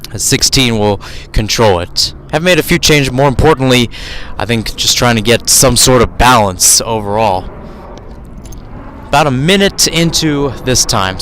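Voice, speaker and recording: A man with a mid-range, somewhat bright voice calls live soccer play-by-play for radio in a low-quality recording. He describes the action as it happens in a running commentary, frequently correcting himself mid-phrase.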